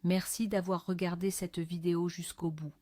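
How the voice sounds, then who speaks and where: A woman reads scripted nature documentary narration in a measured, explanatory way with rhetorical emphasis, close to the mic. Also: fairly low pitch, little pitch movement, a little mellow, dry recording. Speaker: narrator of an educational video.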